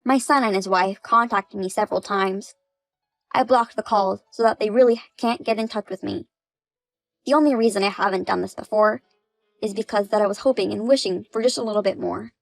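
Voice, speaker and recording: A woman's voice: medium pitch, a little fast, gravelly, no echo. Firm synthetic female narrator. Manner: firm, cold, matter-of-fact. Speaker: narrator and mother. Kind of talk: text-message story reading.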